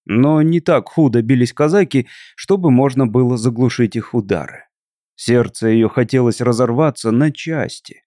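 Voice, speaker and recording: A man narrating a classic tale as an audiobook, measured and dramatic. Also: mid-range voice, dark tone, no echo, studio quality.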